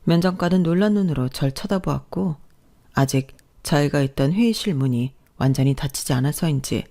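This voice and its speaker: Middle-aged woman narrator, low voice, calm scripted first-person storytelling. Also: brisk.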